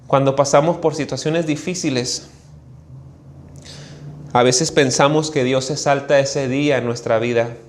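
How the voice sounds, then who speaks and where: A Mexican man preaching a sermon, telling a childhood story in an animated way and acting out the voices of the people in it. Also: mid-range voice, unhurried, pauses often. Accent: Mexican Spanish. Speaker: pastor.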